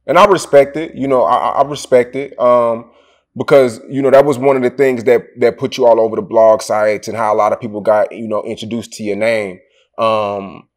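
A man interviewing a rapper in a casual, rambling way, full of fillers and restarts. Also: mid-range voice.

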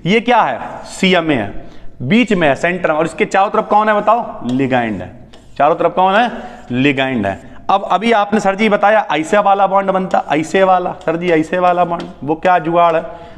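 A man teaching a chemistry lesson in a lively, chatty way, asking questions and answering them himself. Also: sits high, moderate pace, long reverb tail. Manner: asks and answers his own questions, chatty asides. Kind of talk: lively classroom lecture.

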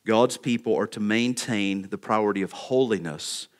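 A man's voice: fairly low pitch, moderate pace. A male pastor preaching a sermon, laying out numbered points with emphasis and checking in with the congregation by asking "okay?".

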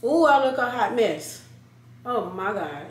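A young woman chatting to camera in a casual home vlog, slangy and animated as she talks through her cleaning in her apartment. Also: a little high, measured pace, soft background music. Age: young adult. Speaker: lifestyle vlogger. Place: apartment kitchen and living room, indoors. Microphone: handheld or propped camera at close range. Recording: echoey apartment room, faint ambience.

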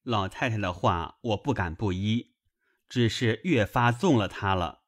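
男声演的赔笑认错的贵公子. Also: male voice, lowish voice, unhurried. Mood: sheepish. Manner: sheepish, apologetic. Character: sheepish young nobleman apologizing.

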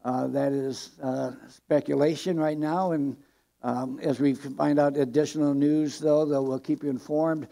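An older Midwestern American man gives church announcements as pastor, his voice gravelly and mellow. He speaks haltingly, with many ums and uhs, from a lectern in a sanctuary. His pitch sits a little high for a man. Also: fairly even intonation. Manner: halting, many filler words.

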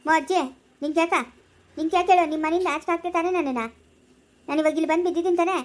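A woman's voice: extremely high pitch, fairly even intonation, racing. A woman playing a young married woman thrown out of her home, pouring out complaints to a grandmother. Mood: hurt pleading.

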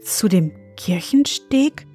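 A woman voicing a haughty, quick-tempered young bride in a fairy tale, with a sharp, scolding manner. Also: mid-range voice, lively intonation, soft background music. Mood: evasive.

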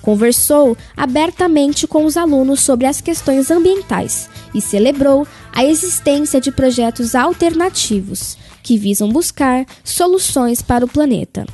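High mellow woman, news voice-over. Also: animated, faint music behind. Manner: smooth, measured delivery. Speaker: news reporter. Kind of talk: scripted news narration.

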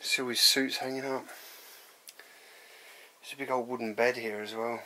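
A man's voice: mid-range voice, fairly even intonation, normal speed. A young man giving a casual walk-through commentary to viewers while exploring. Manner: chatty, addresses viewers as guys. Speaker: urban explorer vlogger. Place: cluttered abandoned house indoors. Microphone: handheld or body camera. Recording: noisy handheld camera audio.

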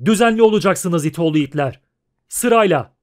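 A man voicing a wounded male cavalryman who shouts harsh orders at a crowd in an audiobook. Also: high-pitched, animated, moderate pace. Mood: furious.

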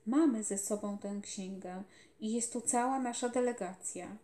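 A woman's voice: medium pitch, moderate pace, warm tone, natural voice. A woman doing an earnest boy delegate. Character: anxious boy club delegate. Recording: roomy echoey home recording.

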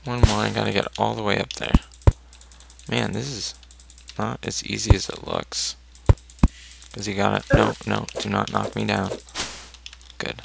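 A man's voice: lowish voice, flat delivery, unhurried, vocal fry, pauses often. A man casually commenting on his own gameplay, thinking aloud and cheering on his character. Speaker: let's play gamer. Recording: noisy home recording with keyboard clicks. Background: loud keyboard clicks and typing.

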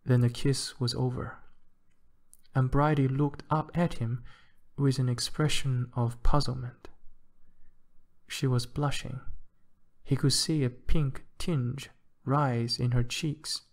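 A man reading a short story aloud in a measured, even storytelling manner. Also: medium pitch. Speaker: narrator.

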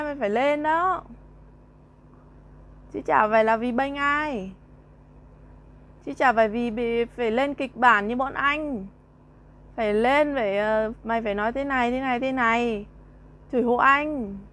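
A woman's voice: on the high side, measured pace, long pauses, a bit bright. A young woman vlogger in a heated monologue, mocking a rival with scornful jabs, laughter between lines and repeated rhetorical questions.

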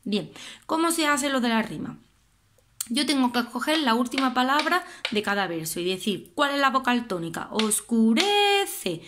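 A woman with a Spain Spanish accent, patiently explaining poetic meter and rhyme to her students, slowly sounding out syllables. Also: a little high, expressive, background noise. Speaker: teacher. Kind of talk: classroom explanation of poetry meter.

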